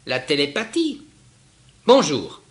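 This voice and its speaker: A man reading aloud and voicing a dry, unimpressed Martian woman with clipped, sharp replies. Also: sits low, wildly swooping pitch, slow pace, voice pushed up, exaggerated voice. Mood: curt.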